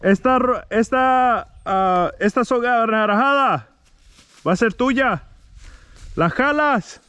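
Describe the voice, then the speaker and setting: Slow-talking man giving halting jobsite instructions. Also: very high-pitched, pushed and bright, smooth, no room sound. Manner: halting, repeats himself while instructing. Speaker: tree crew foreman giving instructions. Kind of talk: casual jobsite instructions, bilingual. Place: outdoors at a tree removal site.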